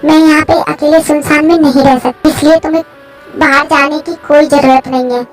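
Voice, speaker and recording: A woman's voice: sits high, fairly even intonation, fairly quick, faint music behind, lightly acted. A woman voicing a frightened, stubborn young woman in a fan story, refusing and anxious by turns. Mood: reassuring.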